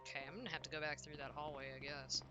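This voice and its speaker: A woman's voice: low voice, racing, music in the background. A woman streaming a horror game, chatting casually and reacting aloud as she plays, self-deprecating and talkative. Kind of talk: casual gameplay commentary.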